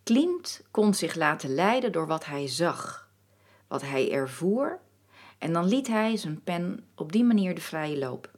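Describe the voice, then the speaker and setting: A woman voicing a painted muse who has come alive, speaking in a slow, wistful, softly mystical way. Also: lowish voice, big pitch swings, breathy edge, full character voice. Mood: dreamy. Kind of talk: storytelling narration.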